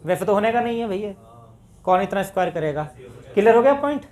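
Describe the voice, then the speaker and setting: A man's voice: high voice, lively intonation, fast talker, a little mellow. A man with a north Indian Hindi accent, teaching a maths class step by step and addressing his students as "bhai". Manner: talks through steps, addresses students as bhai.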